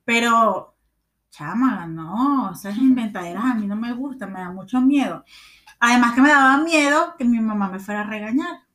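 A woman with a Venezuelan accent chatting casually as a podcast co-host, telling stories with lively acted-out quotes. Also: fairly high pitch, normal speed. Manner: animated storytelling, acts out quoted lines. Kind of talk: casual chat.

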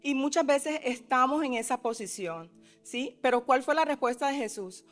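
A woman's voice: high voice, moderate pace, soft background music. A woman preaching a sermon who keeps asking her listeners questions and acts out the cries in the story. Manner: asks the listeners frequent questions, adds tag questions; acts out the disciples' cries with rising force.

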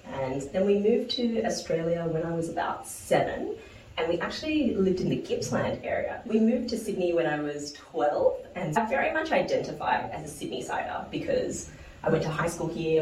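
A woman from New Zealand appears as a guest investor on an interview show, speaking reflectively, laughing often and restarting her phrases. Her voice sits low and is a little mellow. The room is echoey, the mic is distant, and there's a little hiss or hum.

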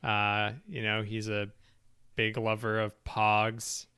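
A man playing an awkward, reluctant friend who delivers a halting, hesitant eulogy in improvised comedy. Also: lowish voice, completely flat delivery, sharp tone, clear, resonant tone, dry recording, clean studio sound, full character voice. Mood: hesitant, tender.

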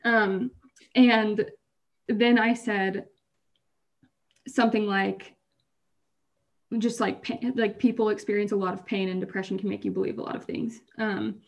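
A podcast co-host with a mid-range voice talks in a level tone, a little slowly and with long pauses. Her casual talk wanders, she often stops herself short, and she laughs through tough stories.

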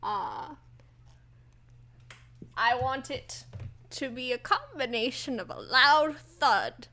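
A woman playing a tabletop game, spelling out detailed, deliberate requests to the game master. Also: sits high, bright, forceful tone. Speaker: player.

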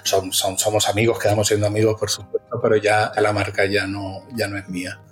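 A man's voice: lowish voice, level tone, fairly quick, fairly bright tone, soft background music. A middle-aged man from Venezuela with a mixed Venezuelan and Canarian accent, talking enthusiastically as an interview guest and often adding tag questions. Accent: mixed Venezuelan and Canarian Spanish. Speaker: guest, agency founder. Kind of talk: casual interview.

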